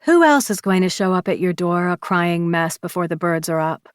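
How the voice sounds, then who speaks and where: A woman voicing a gruff, blunt man in an audiobook, teasing and grumbling. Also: fairly low pitch, lively intonation, normal speed, no room sound, studio quality, close to an everyday voice. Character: gruff grumpy man woken early.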